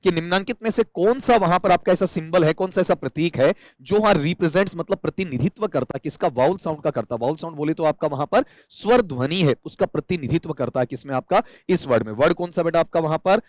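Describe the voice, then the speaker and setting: A man's voice: on the high side, quick pace, few pauses, no room sound. A man teaching an exam-prep English lesson, explaining step by step and asking and answering his own questions. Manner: calls students "beta".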